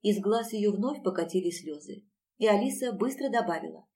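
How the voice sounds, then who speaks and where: A woman reading an audiobook in an even storytelling voice. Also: mid-range voice, normal speed. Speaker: audiobook narrator. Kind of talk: scripted narration.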